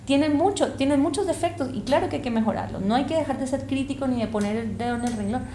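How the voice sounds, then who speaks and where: A woman's voice: high-pitched, fast talker, mellow, reverberant, slight background noise. A woman from El Salvador and Colombia, a university lecturer, speaking earnestly and with passion as an interview guest. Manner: earnest, impassioned, reflective. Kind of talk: conversational interview.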